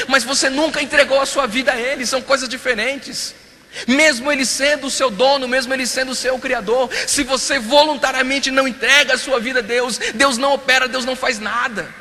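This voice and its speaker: A male pastor with a high, bright voice preaches a sermon, his intensity rising and falling before dropping into hushed storytelling. The recording has the reverb of a large hall and faint ambient sound.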